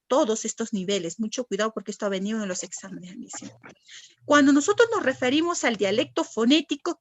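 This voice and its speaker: A woman's voice: high voice, dry recording. A woman teacher, giving a classroom lecture and patiently asking the class questions and answering them herself.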